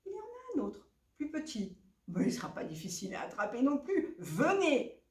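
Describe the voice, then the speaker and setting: A woman voicing a sly crow who pretends to be a healer, smooth and coaxing, in a roomy, distant recording. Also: sits high, wildly swooping pitch, a little fast, warm tone, voice pushed up, heavily acted. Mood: greedy.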